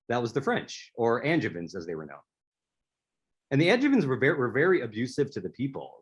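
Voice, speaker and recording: With a mid-range voice carrying a breathy edge, a man speaks as an author. He delivers a prepared speaker-series presentation in a storytelling manner, with a few restarts.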